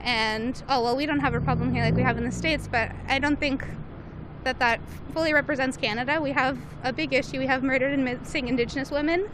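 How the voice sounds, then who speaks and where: A woman's voice: sits high, huge pitch swings, brisk. A woman giving an earnest, fluent street-interview answer. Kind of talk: street vox pop answer. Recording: outdoors with loud traffic.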